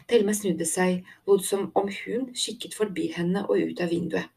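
A woman narrating a children's audiobook in a steady, even storytelling voice. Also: mid-range voice, creaky, slightly rough. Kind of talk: scripted narration.

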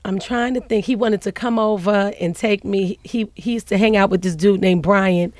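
A woman in her forties from Queens with a New York accent and a deep, husky voice, casually telling a story as a guest and laughing often. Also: fairly even intonation, moderate pace, darkish tone, dry recording.

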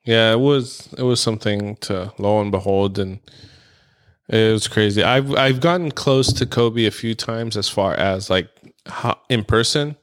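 A man's voice: fairly low pitch, a little slow. A man hosting a podcast in a laid-back, casual chat, full of "dude" and restarts. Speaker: podcast host.

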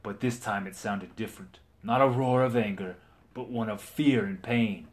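A man's voice: fairly low pitch, moderate pace. Man reading a dragon adventure aloud. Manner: dramatic, stumbles and restarts. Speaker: storyteller.

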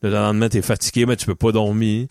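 A man's voice: fairly low pitch, little pitch movement, fast talker, darkish tone, clear, resonant tone, dry recording, clean studio sound. A man with a Quebec French accent co-hosting a podcast, rambling easily through everyday stories. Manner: easygoing, rambling, everyday storytelling. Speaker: podcast co-host. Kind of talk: casual podcast chat.

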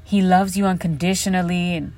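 A woman's voice: lowish voice, flat delivery, brisk, darkish tone. A woman hosting her podcast from inside a hotel room closet, chatting frankly and with plenty of swearing. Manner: frank, profane, chatty storytelling. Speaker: podcast host. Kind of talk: casual solo podcast monologue. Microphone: podcast mic set up in the closet.

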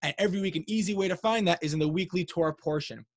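A man's voice: high voice, very fast. A man co-hosting a podcast, chatting casually, asking questions and reacting with enthusiasm. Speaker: podcast co-host.

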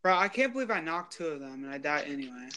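A man's voice: a little high, big pitch swings, quick pace, pushed and bright. A man chatting casually and exclaiming in slangy speech while playing an online game. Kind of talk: casual gaming voice chat. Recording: faint noise, keyboard clicks.

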